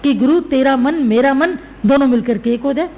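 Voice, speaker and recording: A woman delivers a sermon and tells a moral story, acting out the voices of its people. Her voice sits high and carries a gravelly edge. She drives each point home by repeating it. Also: normal speed, a little mellow, poor audio. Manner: repeats phrases for emphasis, acts out the story's voices. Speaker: spiritual teacher.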